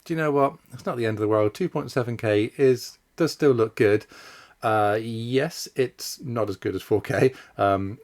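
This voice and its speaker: A man's voice: medium pitch, moderate pace, darkish tone. A man giving casual, chatty vlog commentary as he tests and reviews a camera. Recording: wind and vehicle noise behind.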